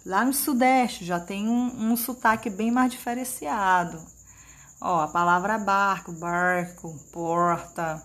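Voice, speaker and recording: A woman teacher from Maranhão with a northeastern Brazilian accent, giving a lesson to children and checking in often to see that they follow. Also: a little high. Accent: Maranhão Brazilian Portuguese.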